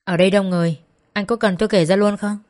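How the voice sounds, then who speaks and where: Woman doing a steady protective man, calm, firm, controlled, storybook. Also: mid-range voice, fast, close to an everyday voice.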